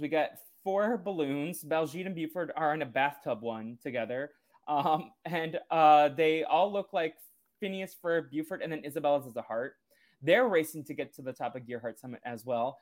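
A man's voice: fairly high pitch, normal speed. A man co-hosting a podcast, casually recapping a cartoon episode in a loose, rambling way. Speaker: podcast co-host.

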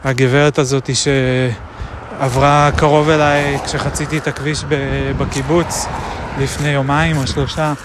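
A man recording a reflective spoken diary outdoors, musing aloud with many pauses and hesitations. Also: mid-range voice, level tone. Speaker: video diarist. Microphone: action camera. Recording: traffic noise outdoors.

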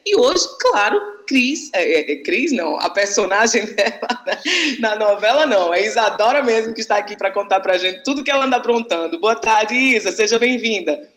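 A woman's voice: a little high, expressive, normal speed. A woman co-hosting a talk show, introducing the guest in a chatty way and stumbling over names. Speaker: co-host.

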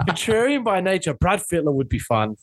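A man's voice: high-pitched, a little fast. A young man with an Australian accent, co-hosting a casual chat and animatedly acting out stories. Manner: animated storyteller, acts out quotes. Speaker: podcast co-host.

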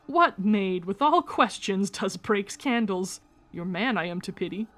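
A man's voice: sits high, lively intonation, unhurried, pushed and bright, heavily acted. A woman voicing a teasing old-fashioned village man who talks in archaic, theatrical phrases.

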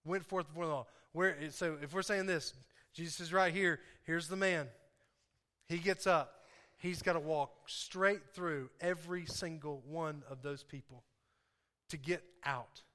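Male preacher, high and forceful voice, informal but impassioned, hammering repeated phrases home to his congregation. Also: fairly even intonation, measured pace. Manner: informal, conversational asides. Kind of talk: sermon to a congregation.

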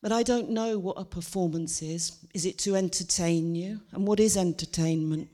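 A stage-trained woman talks to a live audience in a slightly low voice. She moves easily between loose, chatty remarks and grand theatrical delivery, like a comedian who knows how to hold a room. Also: normal speed, dark tone. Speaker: stage performer. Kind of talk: stand-up stage monologue.

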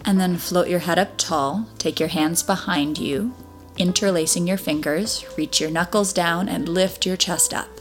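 A woman's voice: on the low side, a little slow, faint music behind. A woman working as a Pilates instructor, guiding an exercise class with encouraging, step-by-step cues.

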